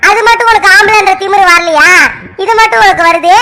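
A woman's voice: extremely high pitch, brisk, sharp tone, slight background noise, heavily acted. A woman voicing a stern, bossy young village woman who scolds her younger brother. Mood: scolding. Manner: scolding, lecturing. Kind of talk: cartoon voice acting.

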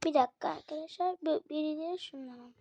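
A woman hosting a gaming channel, commenting chattily on gameplay and often calling out to her viewers with excited exclamations, sounding slightly unwell. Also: high voice, quick pace, no room sound, faint music behind. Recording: dull lo-fi dry recording.

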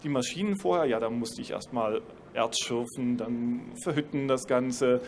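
At a trade fair panel discussion, a man speaking as a university professor uses a handheld mic, giving extended explanations laced with wry irony. His voice is mid-range and a little mellow, delivered at normal speed, with faint hiss or hum in the audio.

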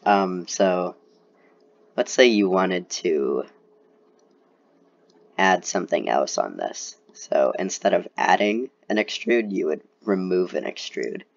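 A young man with a very low, gravelly voice walks through a software tutorial at an unhurried pace. He sounds a bit sick and talks casually, full of ums and likes. The recording is dull and lo-fi. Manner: casual, relaxed, filler-heavy explaining. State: sick, slightly congested. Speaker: CAD tutorial presenter.

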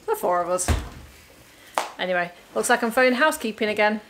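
Holding the camera at arm's length, a family travel vlogger with a British accent, in her thirties, talks chattily to camera around a small hotel room and its bathroom. She speaks a little fast in an animated, mid-range voice, with background noise present.

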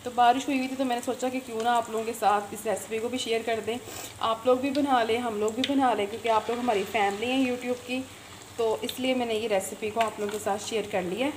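A woman's voice: a little high, steady tone, fairly quick, noisy background. Chatty woman hosting a home cooking video. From Pakistan. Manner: chatty, repeats filler phrases, addresses viewers directly. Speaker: cooking channel host. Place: home kitchen.

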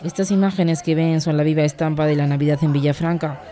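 A reporter reading a news voice-over in a calm, formal way. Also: mid-range voice, fast talker.

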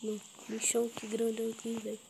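A woman's voice: fairly high pitch, monotone, quick pace, gravelly. A woman with a Brazilian accent giving casual, chatty gameplay commentary for her channel. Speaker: gaming YouTuber. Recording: noisy mobile game recording with clicks.

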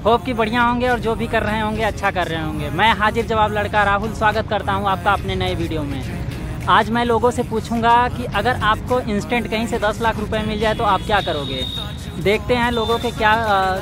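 A young man asks passers-by quick, friendly questions on a city street. His voice sits high, and he holds a handheld mic out to each person. Music runs under the talk. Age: young adult. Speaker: street interviewer. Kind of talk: street vox-pop interview. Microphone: handheld mic held to passers-by. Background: background music.

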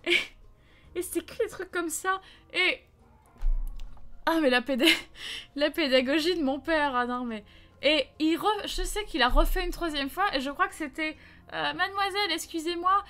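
Streameuse animée à la voix aiguë. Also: female voice, high voice, normal speed, pauses often, faint music behind. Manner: lively anecdote-telling, acts out quotes, reads chat. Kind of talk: casual live-stream chat and storytelling.

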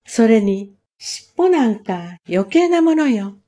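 Chirpy mama bird a lady voices, high, slow, bit boastful, storybook. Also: big pitch swings, dark tone. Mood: proud. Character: mother songbird, proud and chirpy. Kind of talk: storybook reading.

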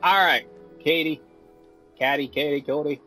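A man giving casual, goofy commentary over his gameplay, easily distracted and quick to laugh. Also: on the high side, sharp tone, soft background music, rough recording. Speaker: gameplay video host.

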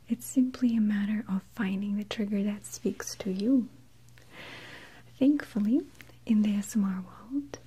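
A woman whispering slowly and soothingly into a close mic, in ASMR style. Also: medium pitch, warm tone, rough recording. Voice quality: whispered, very breathy. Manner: slow, soothing guided whisper.

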